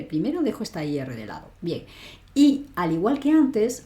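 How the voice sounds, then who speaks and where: Woman teaching, mellow voice, echoey room. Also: fairly low pitch. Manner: explains step by step, often checks with "¿vale?". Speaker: language teacher. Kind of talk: online grammar lesson.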